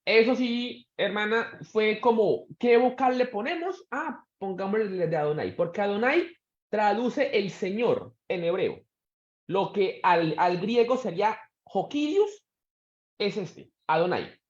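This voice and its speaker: A man teaching a church Bible class, quizzing his students and slowing down to stress key words. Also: sits high, lively intonation. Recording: echoey room, dull sound.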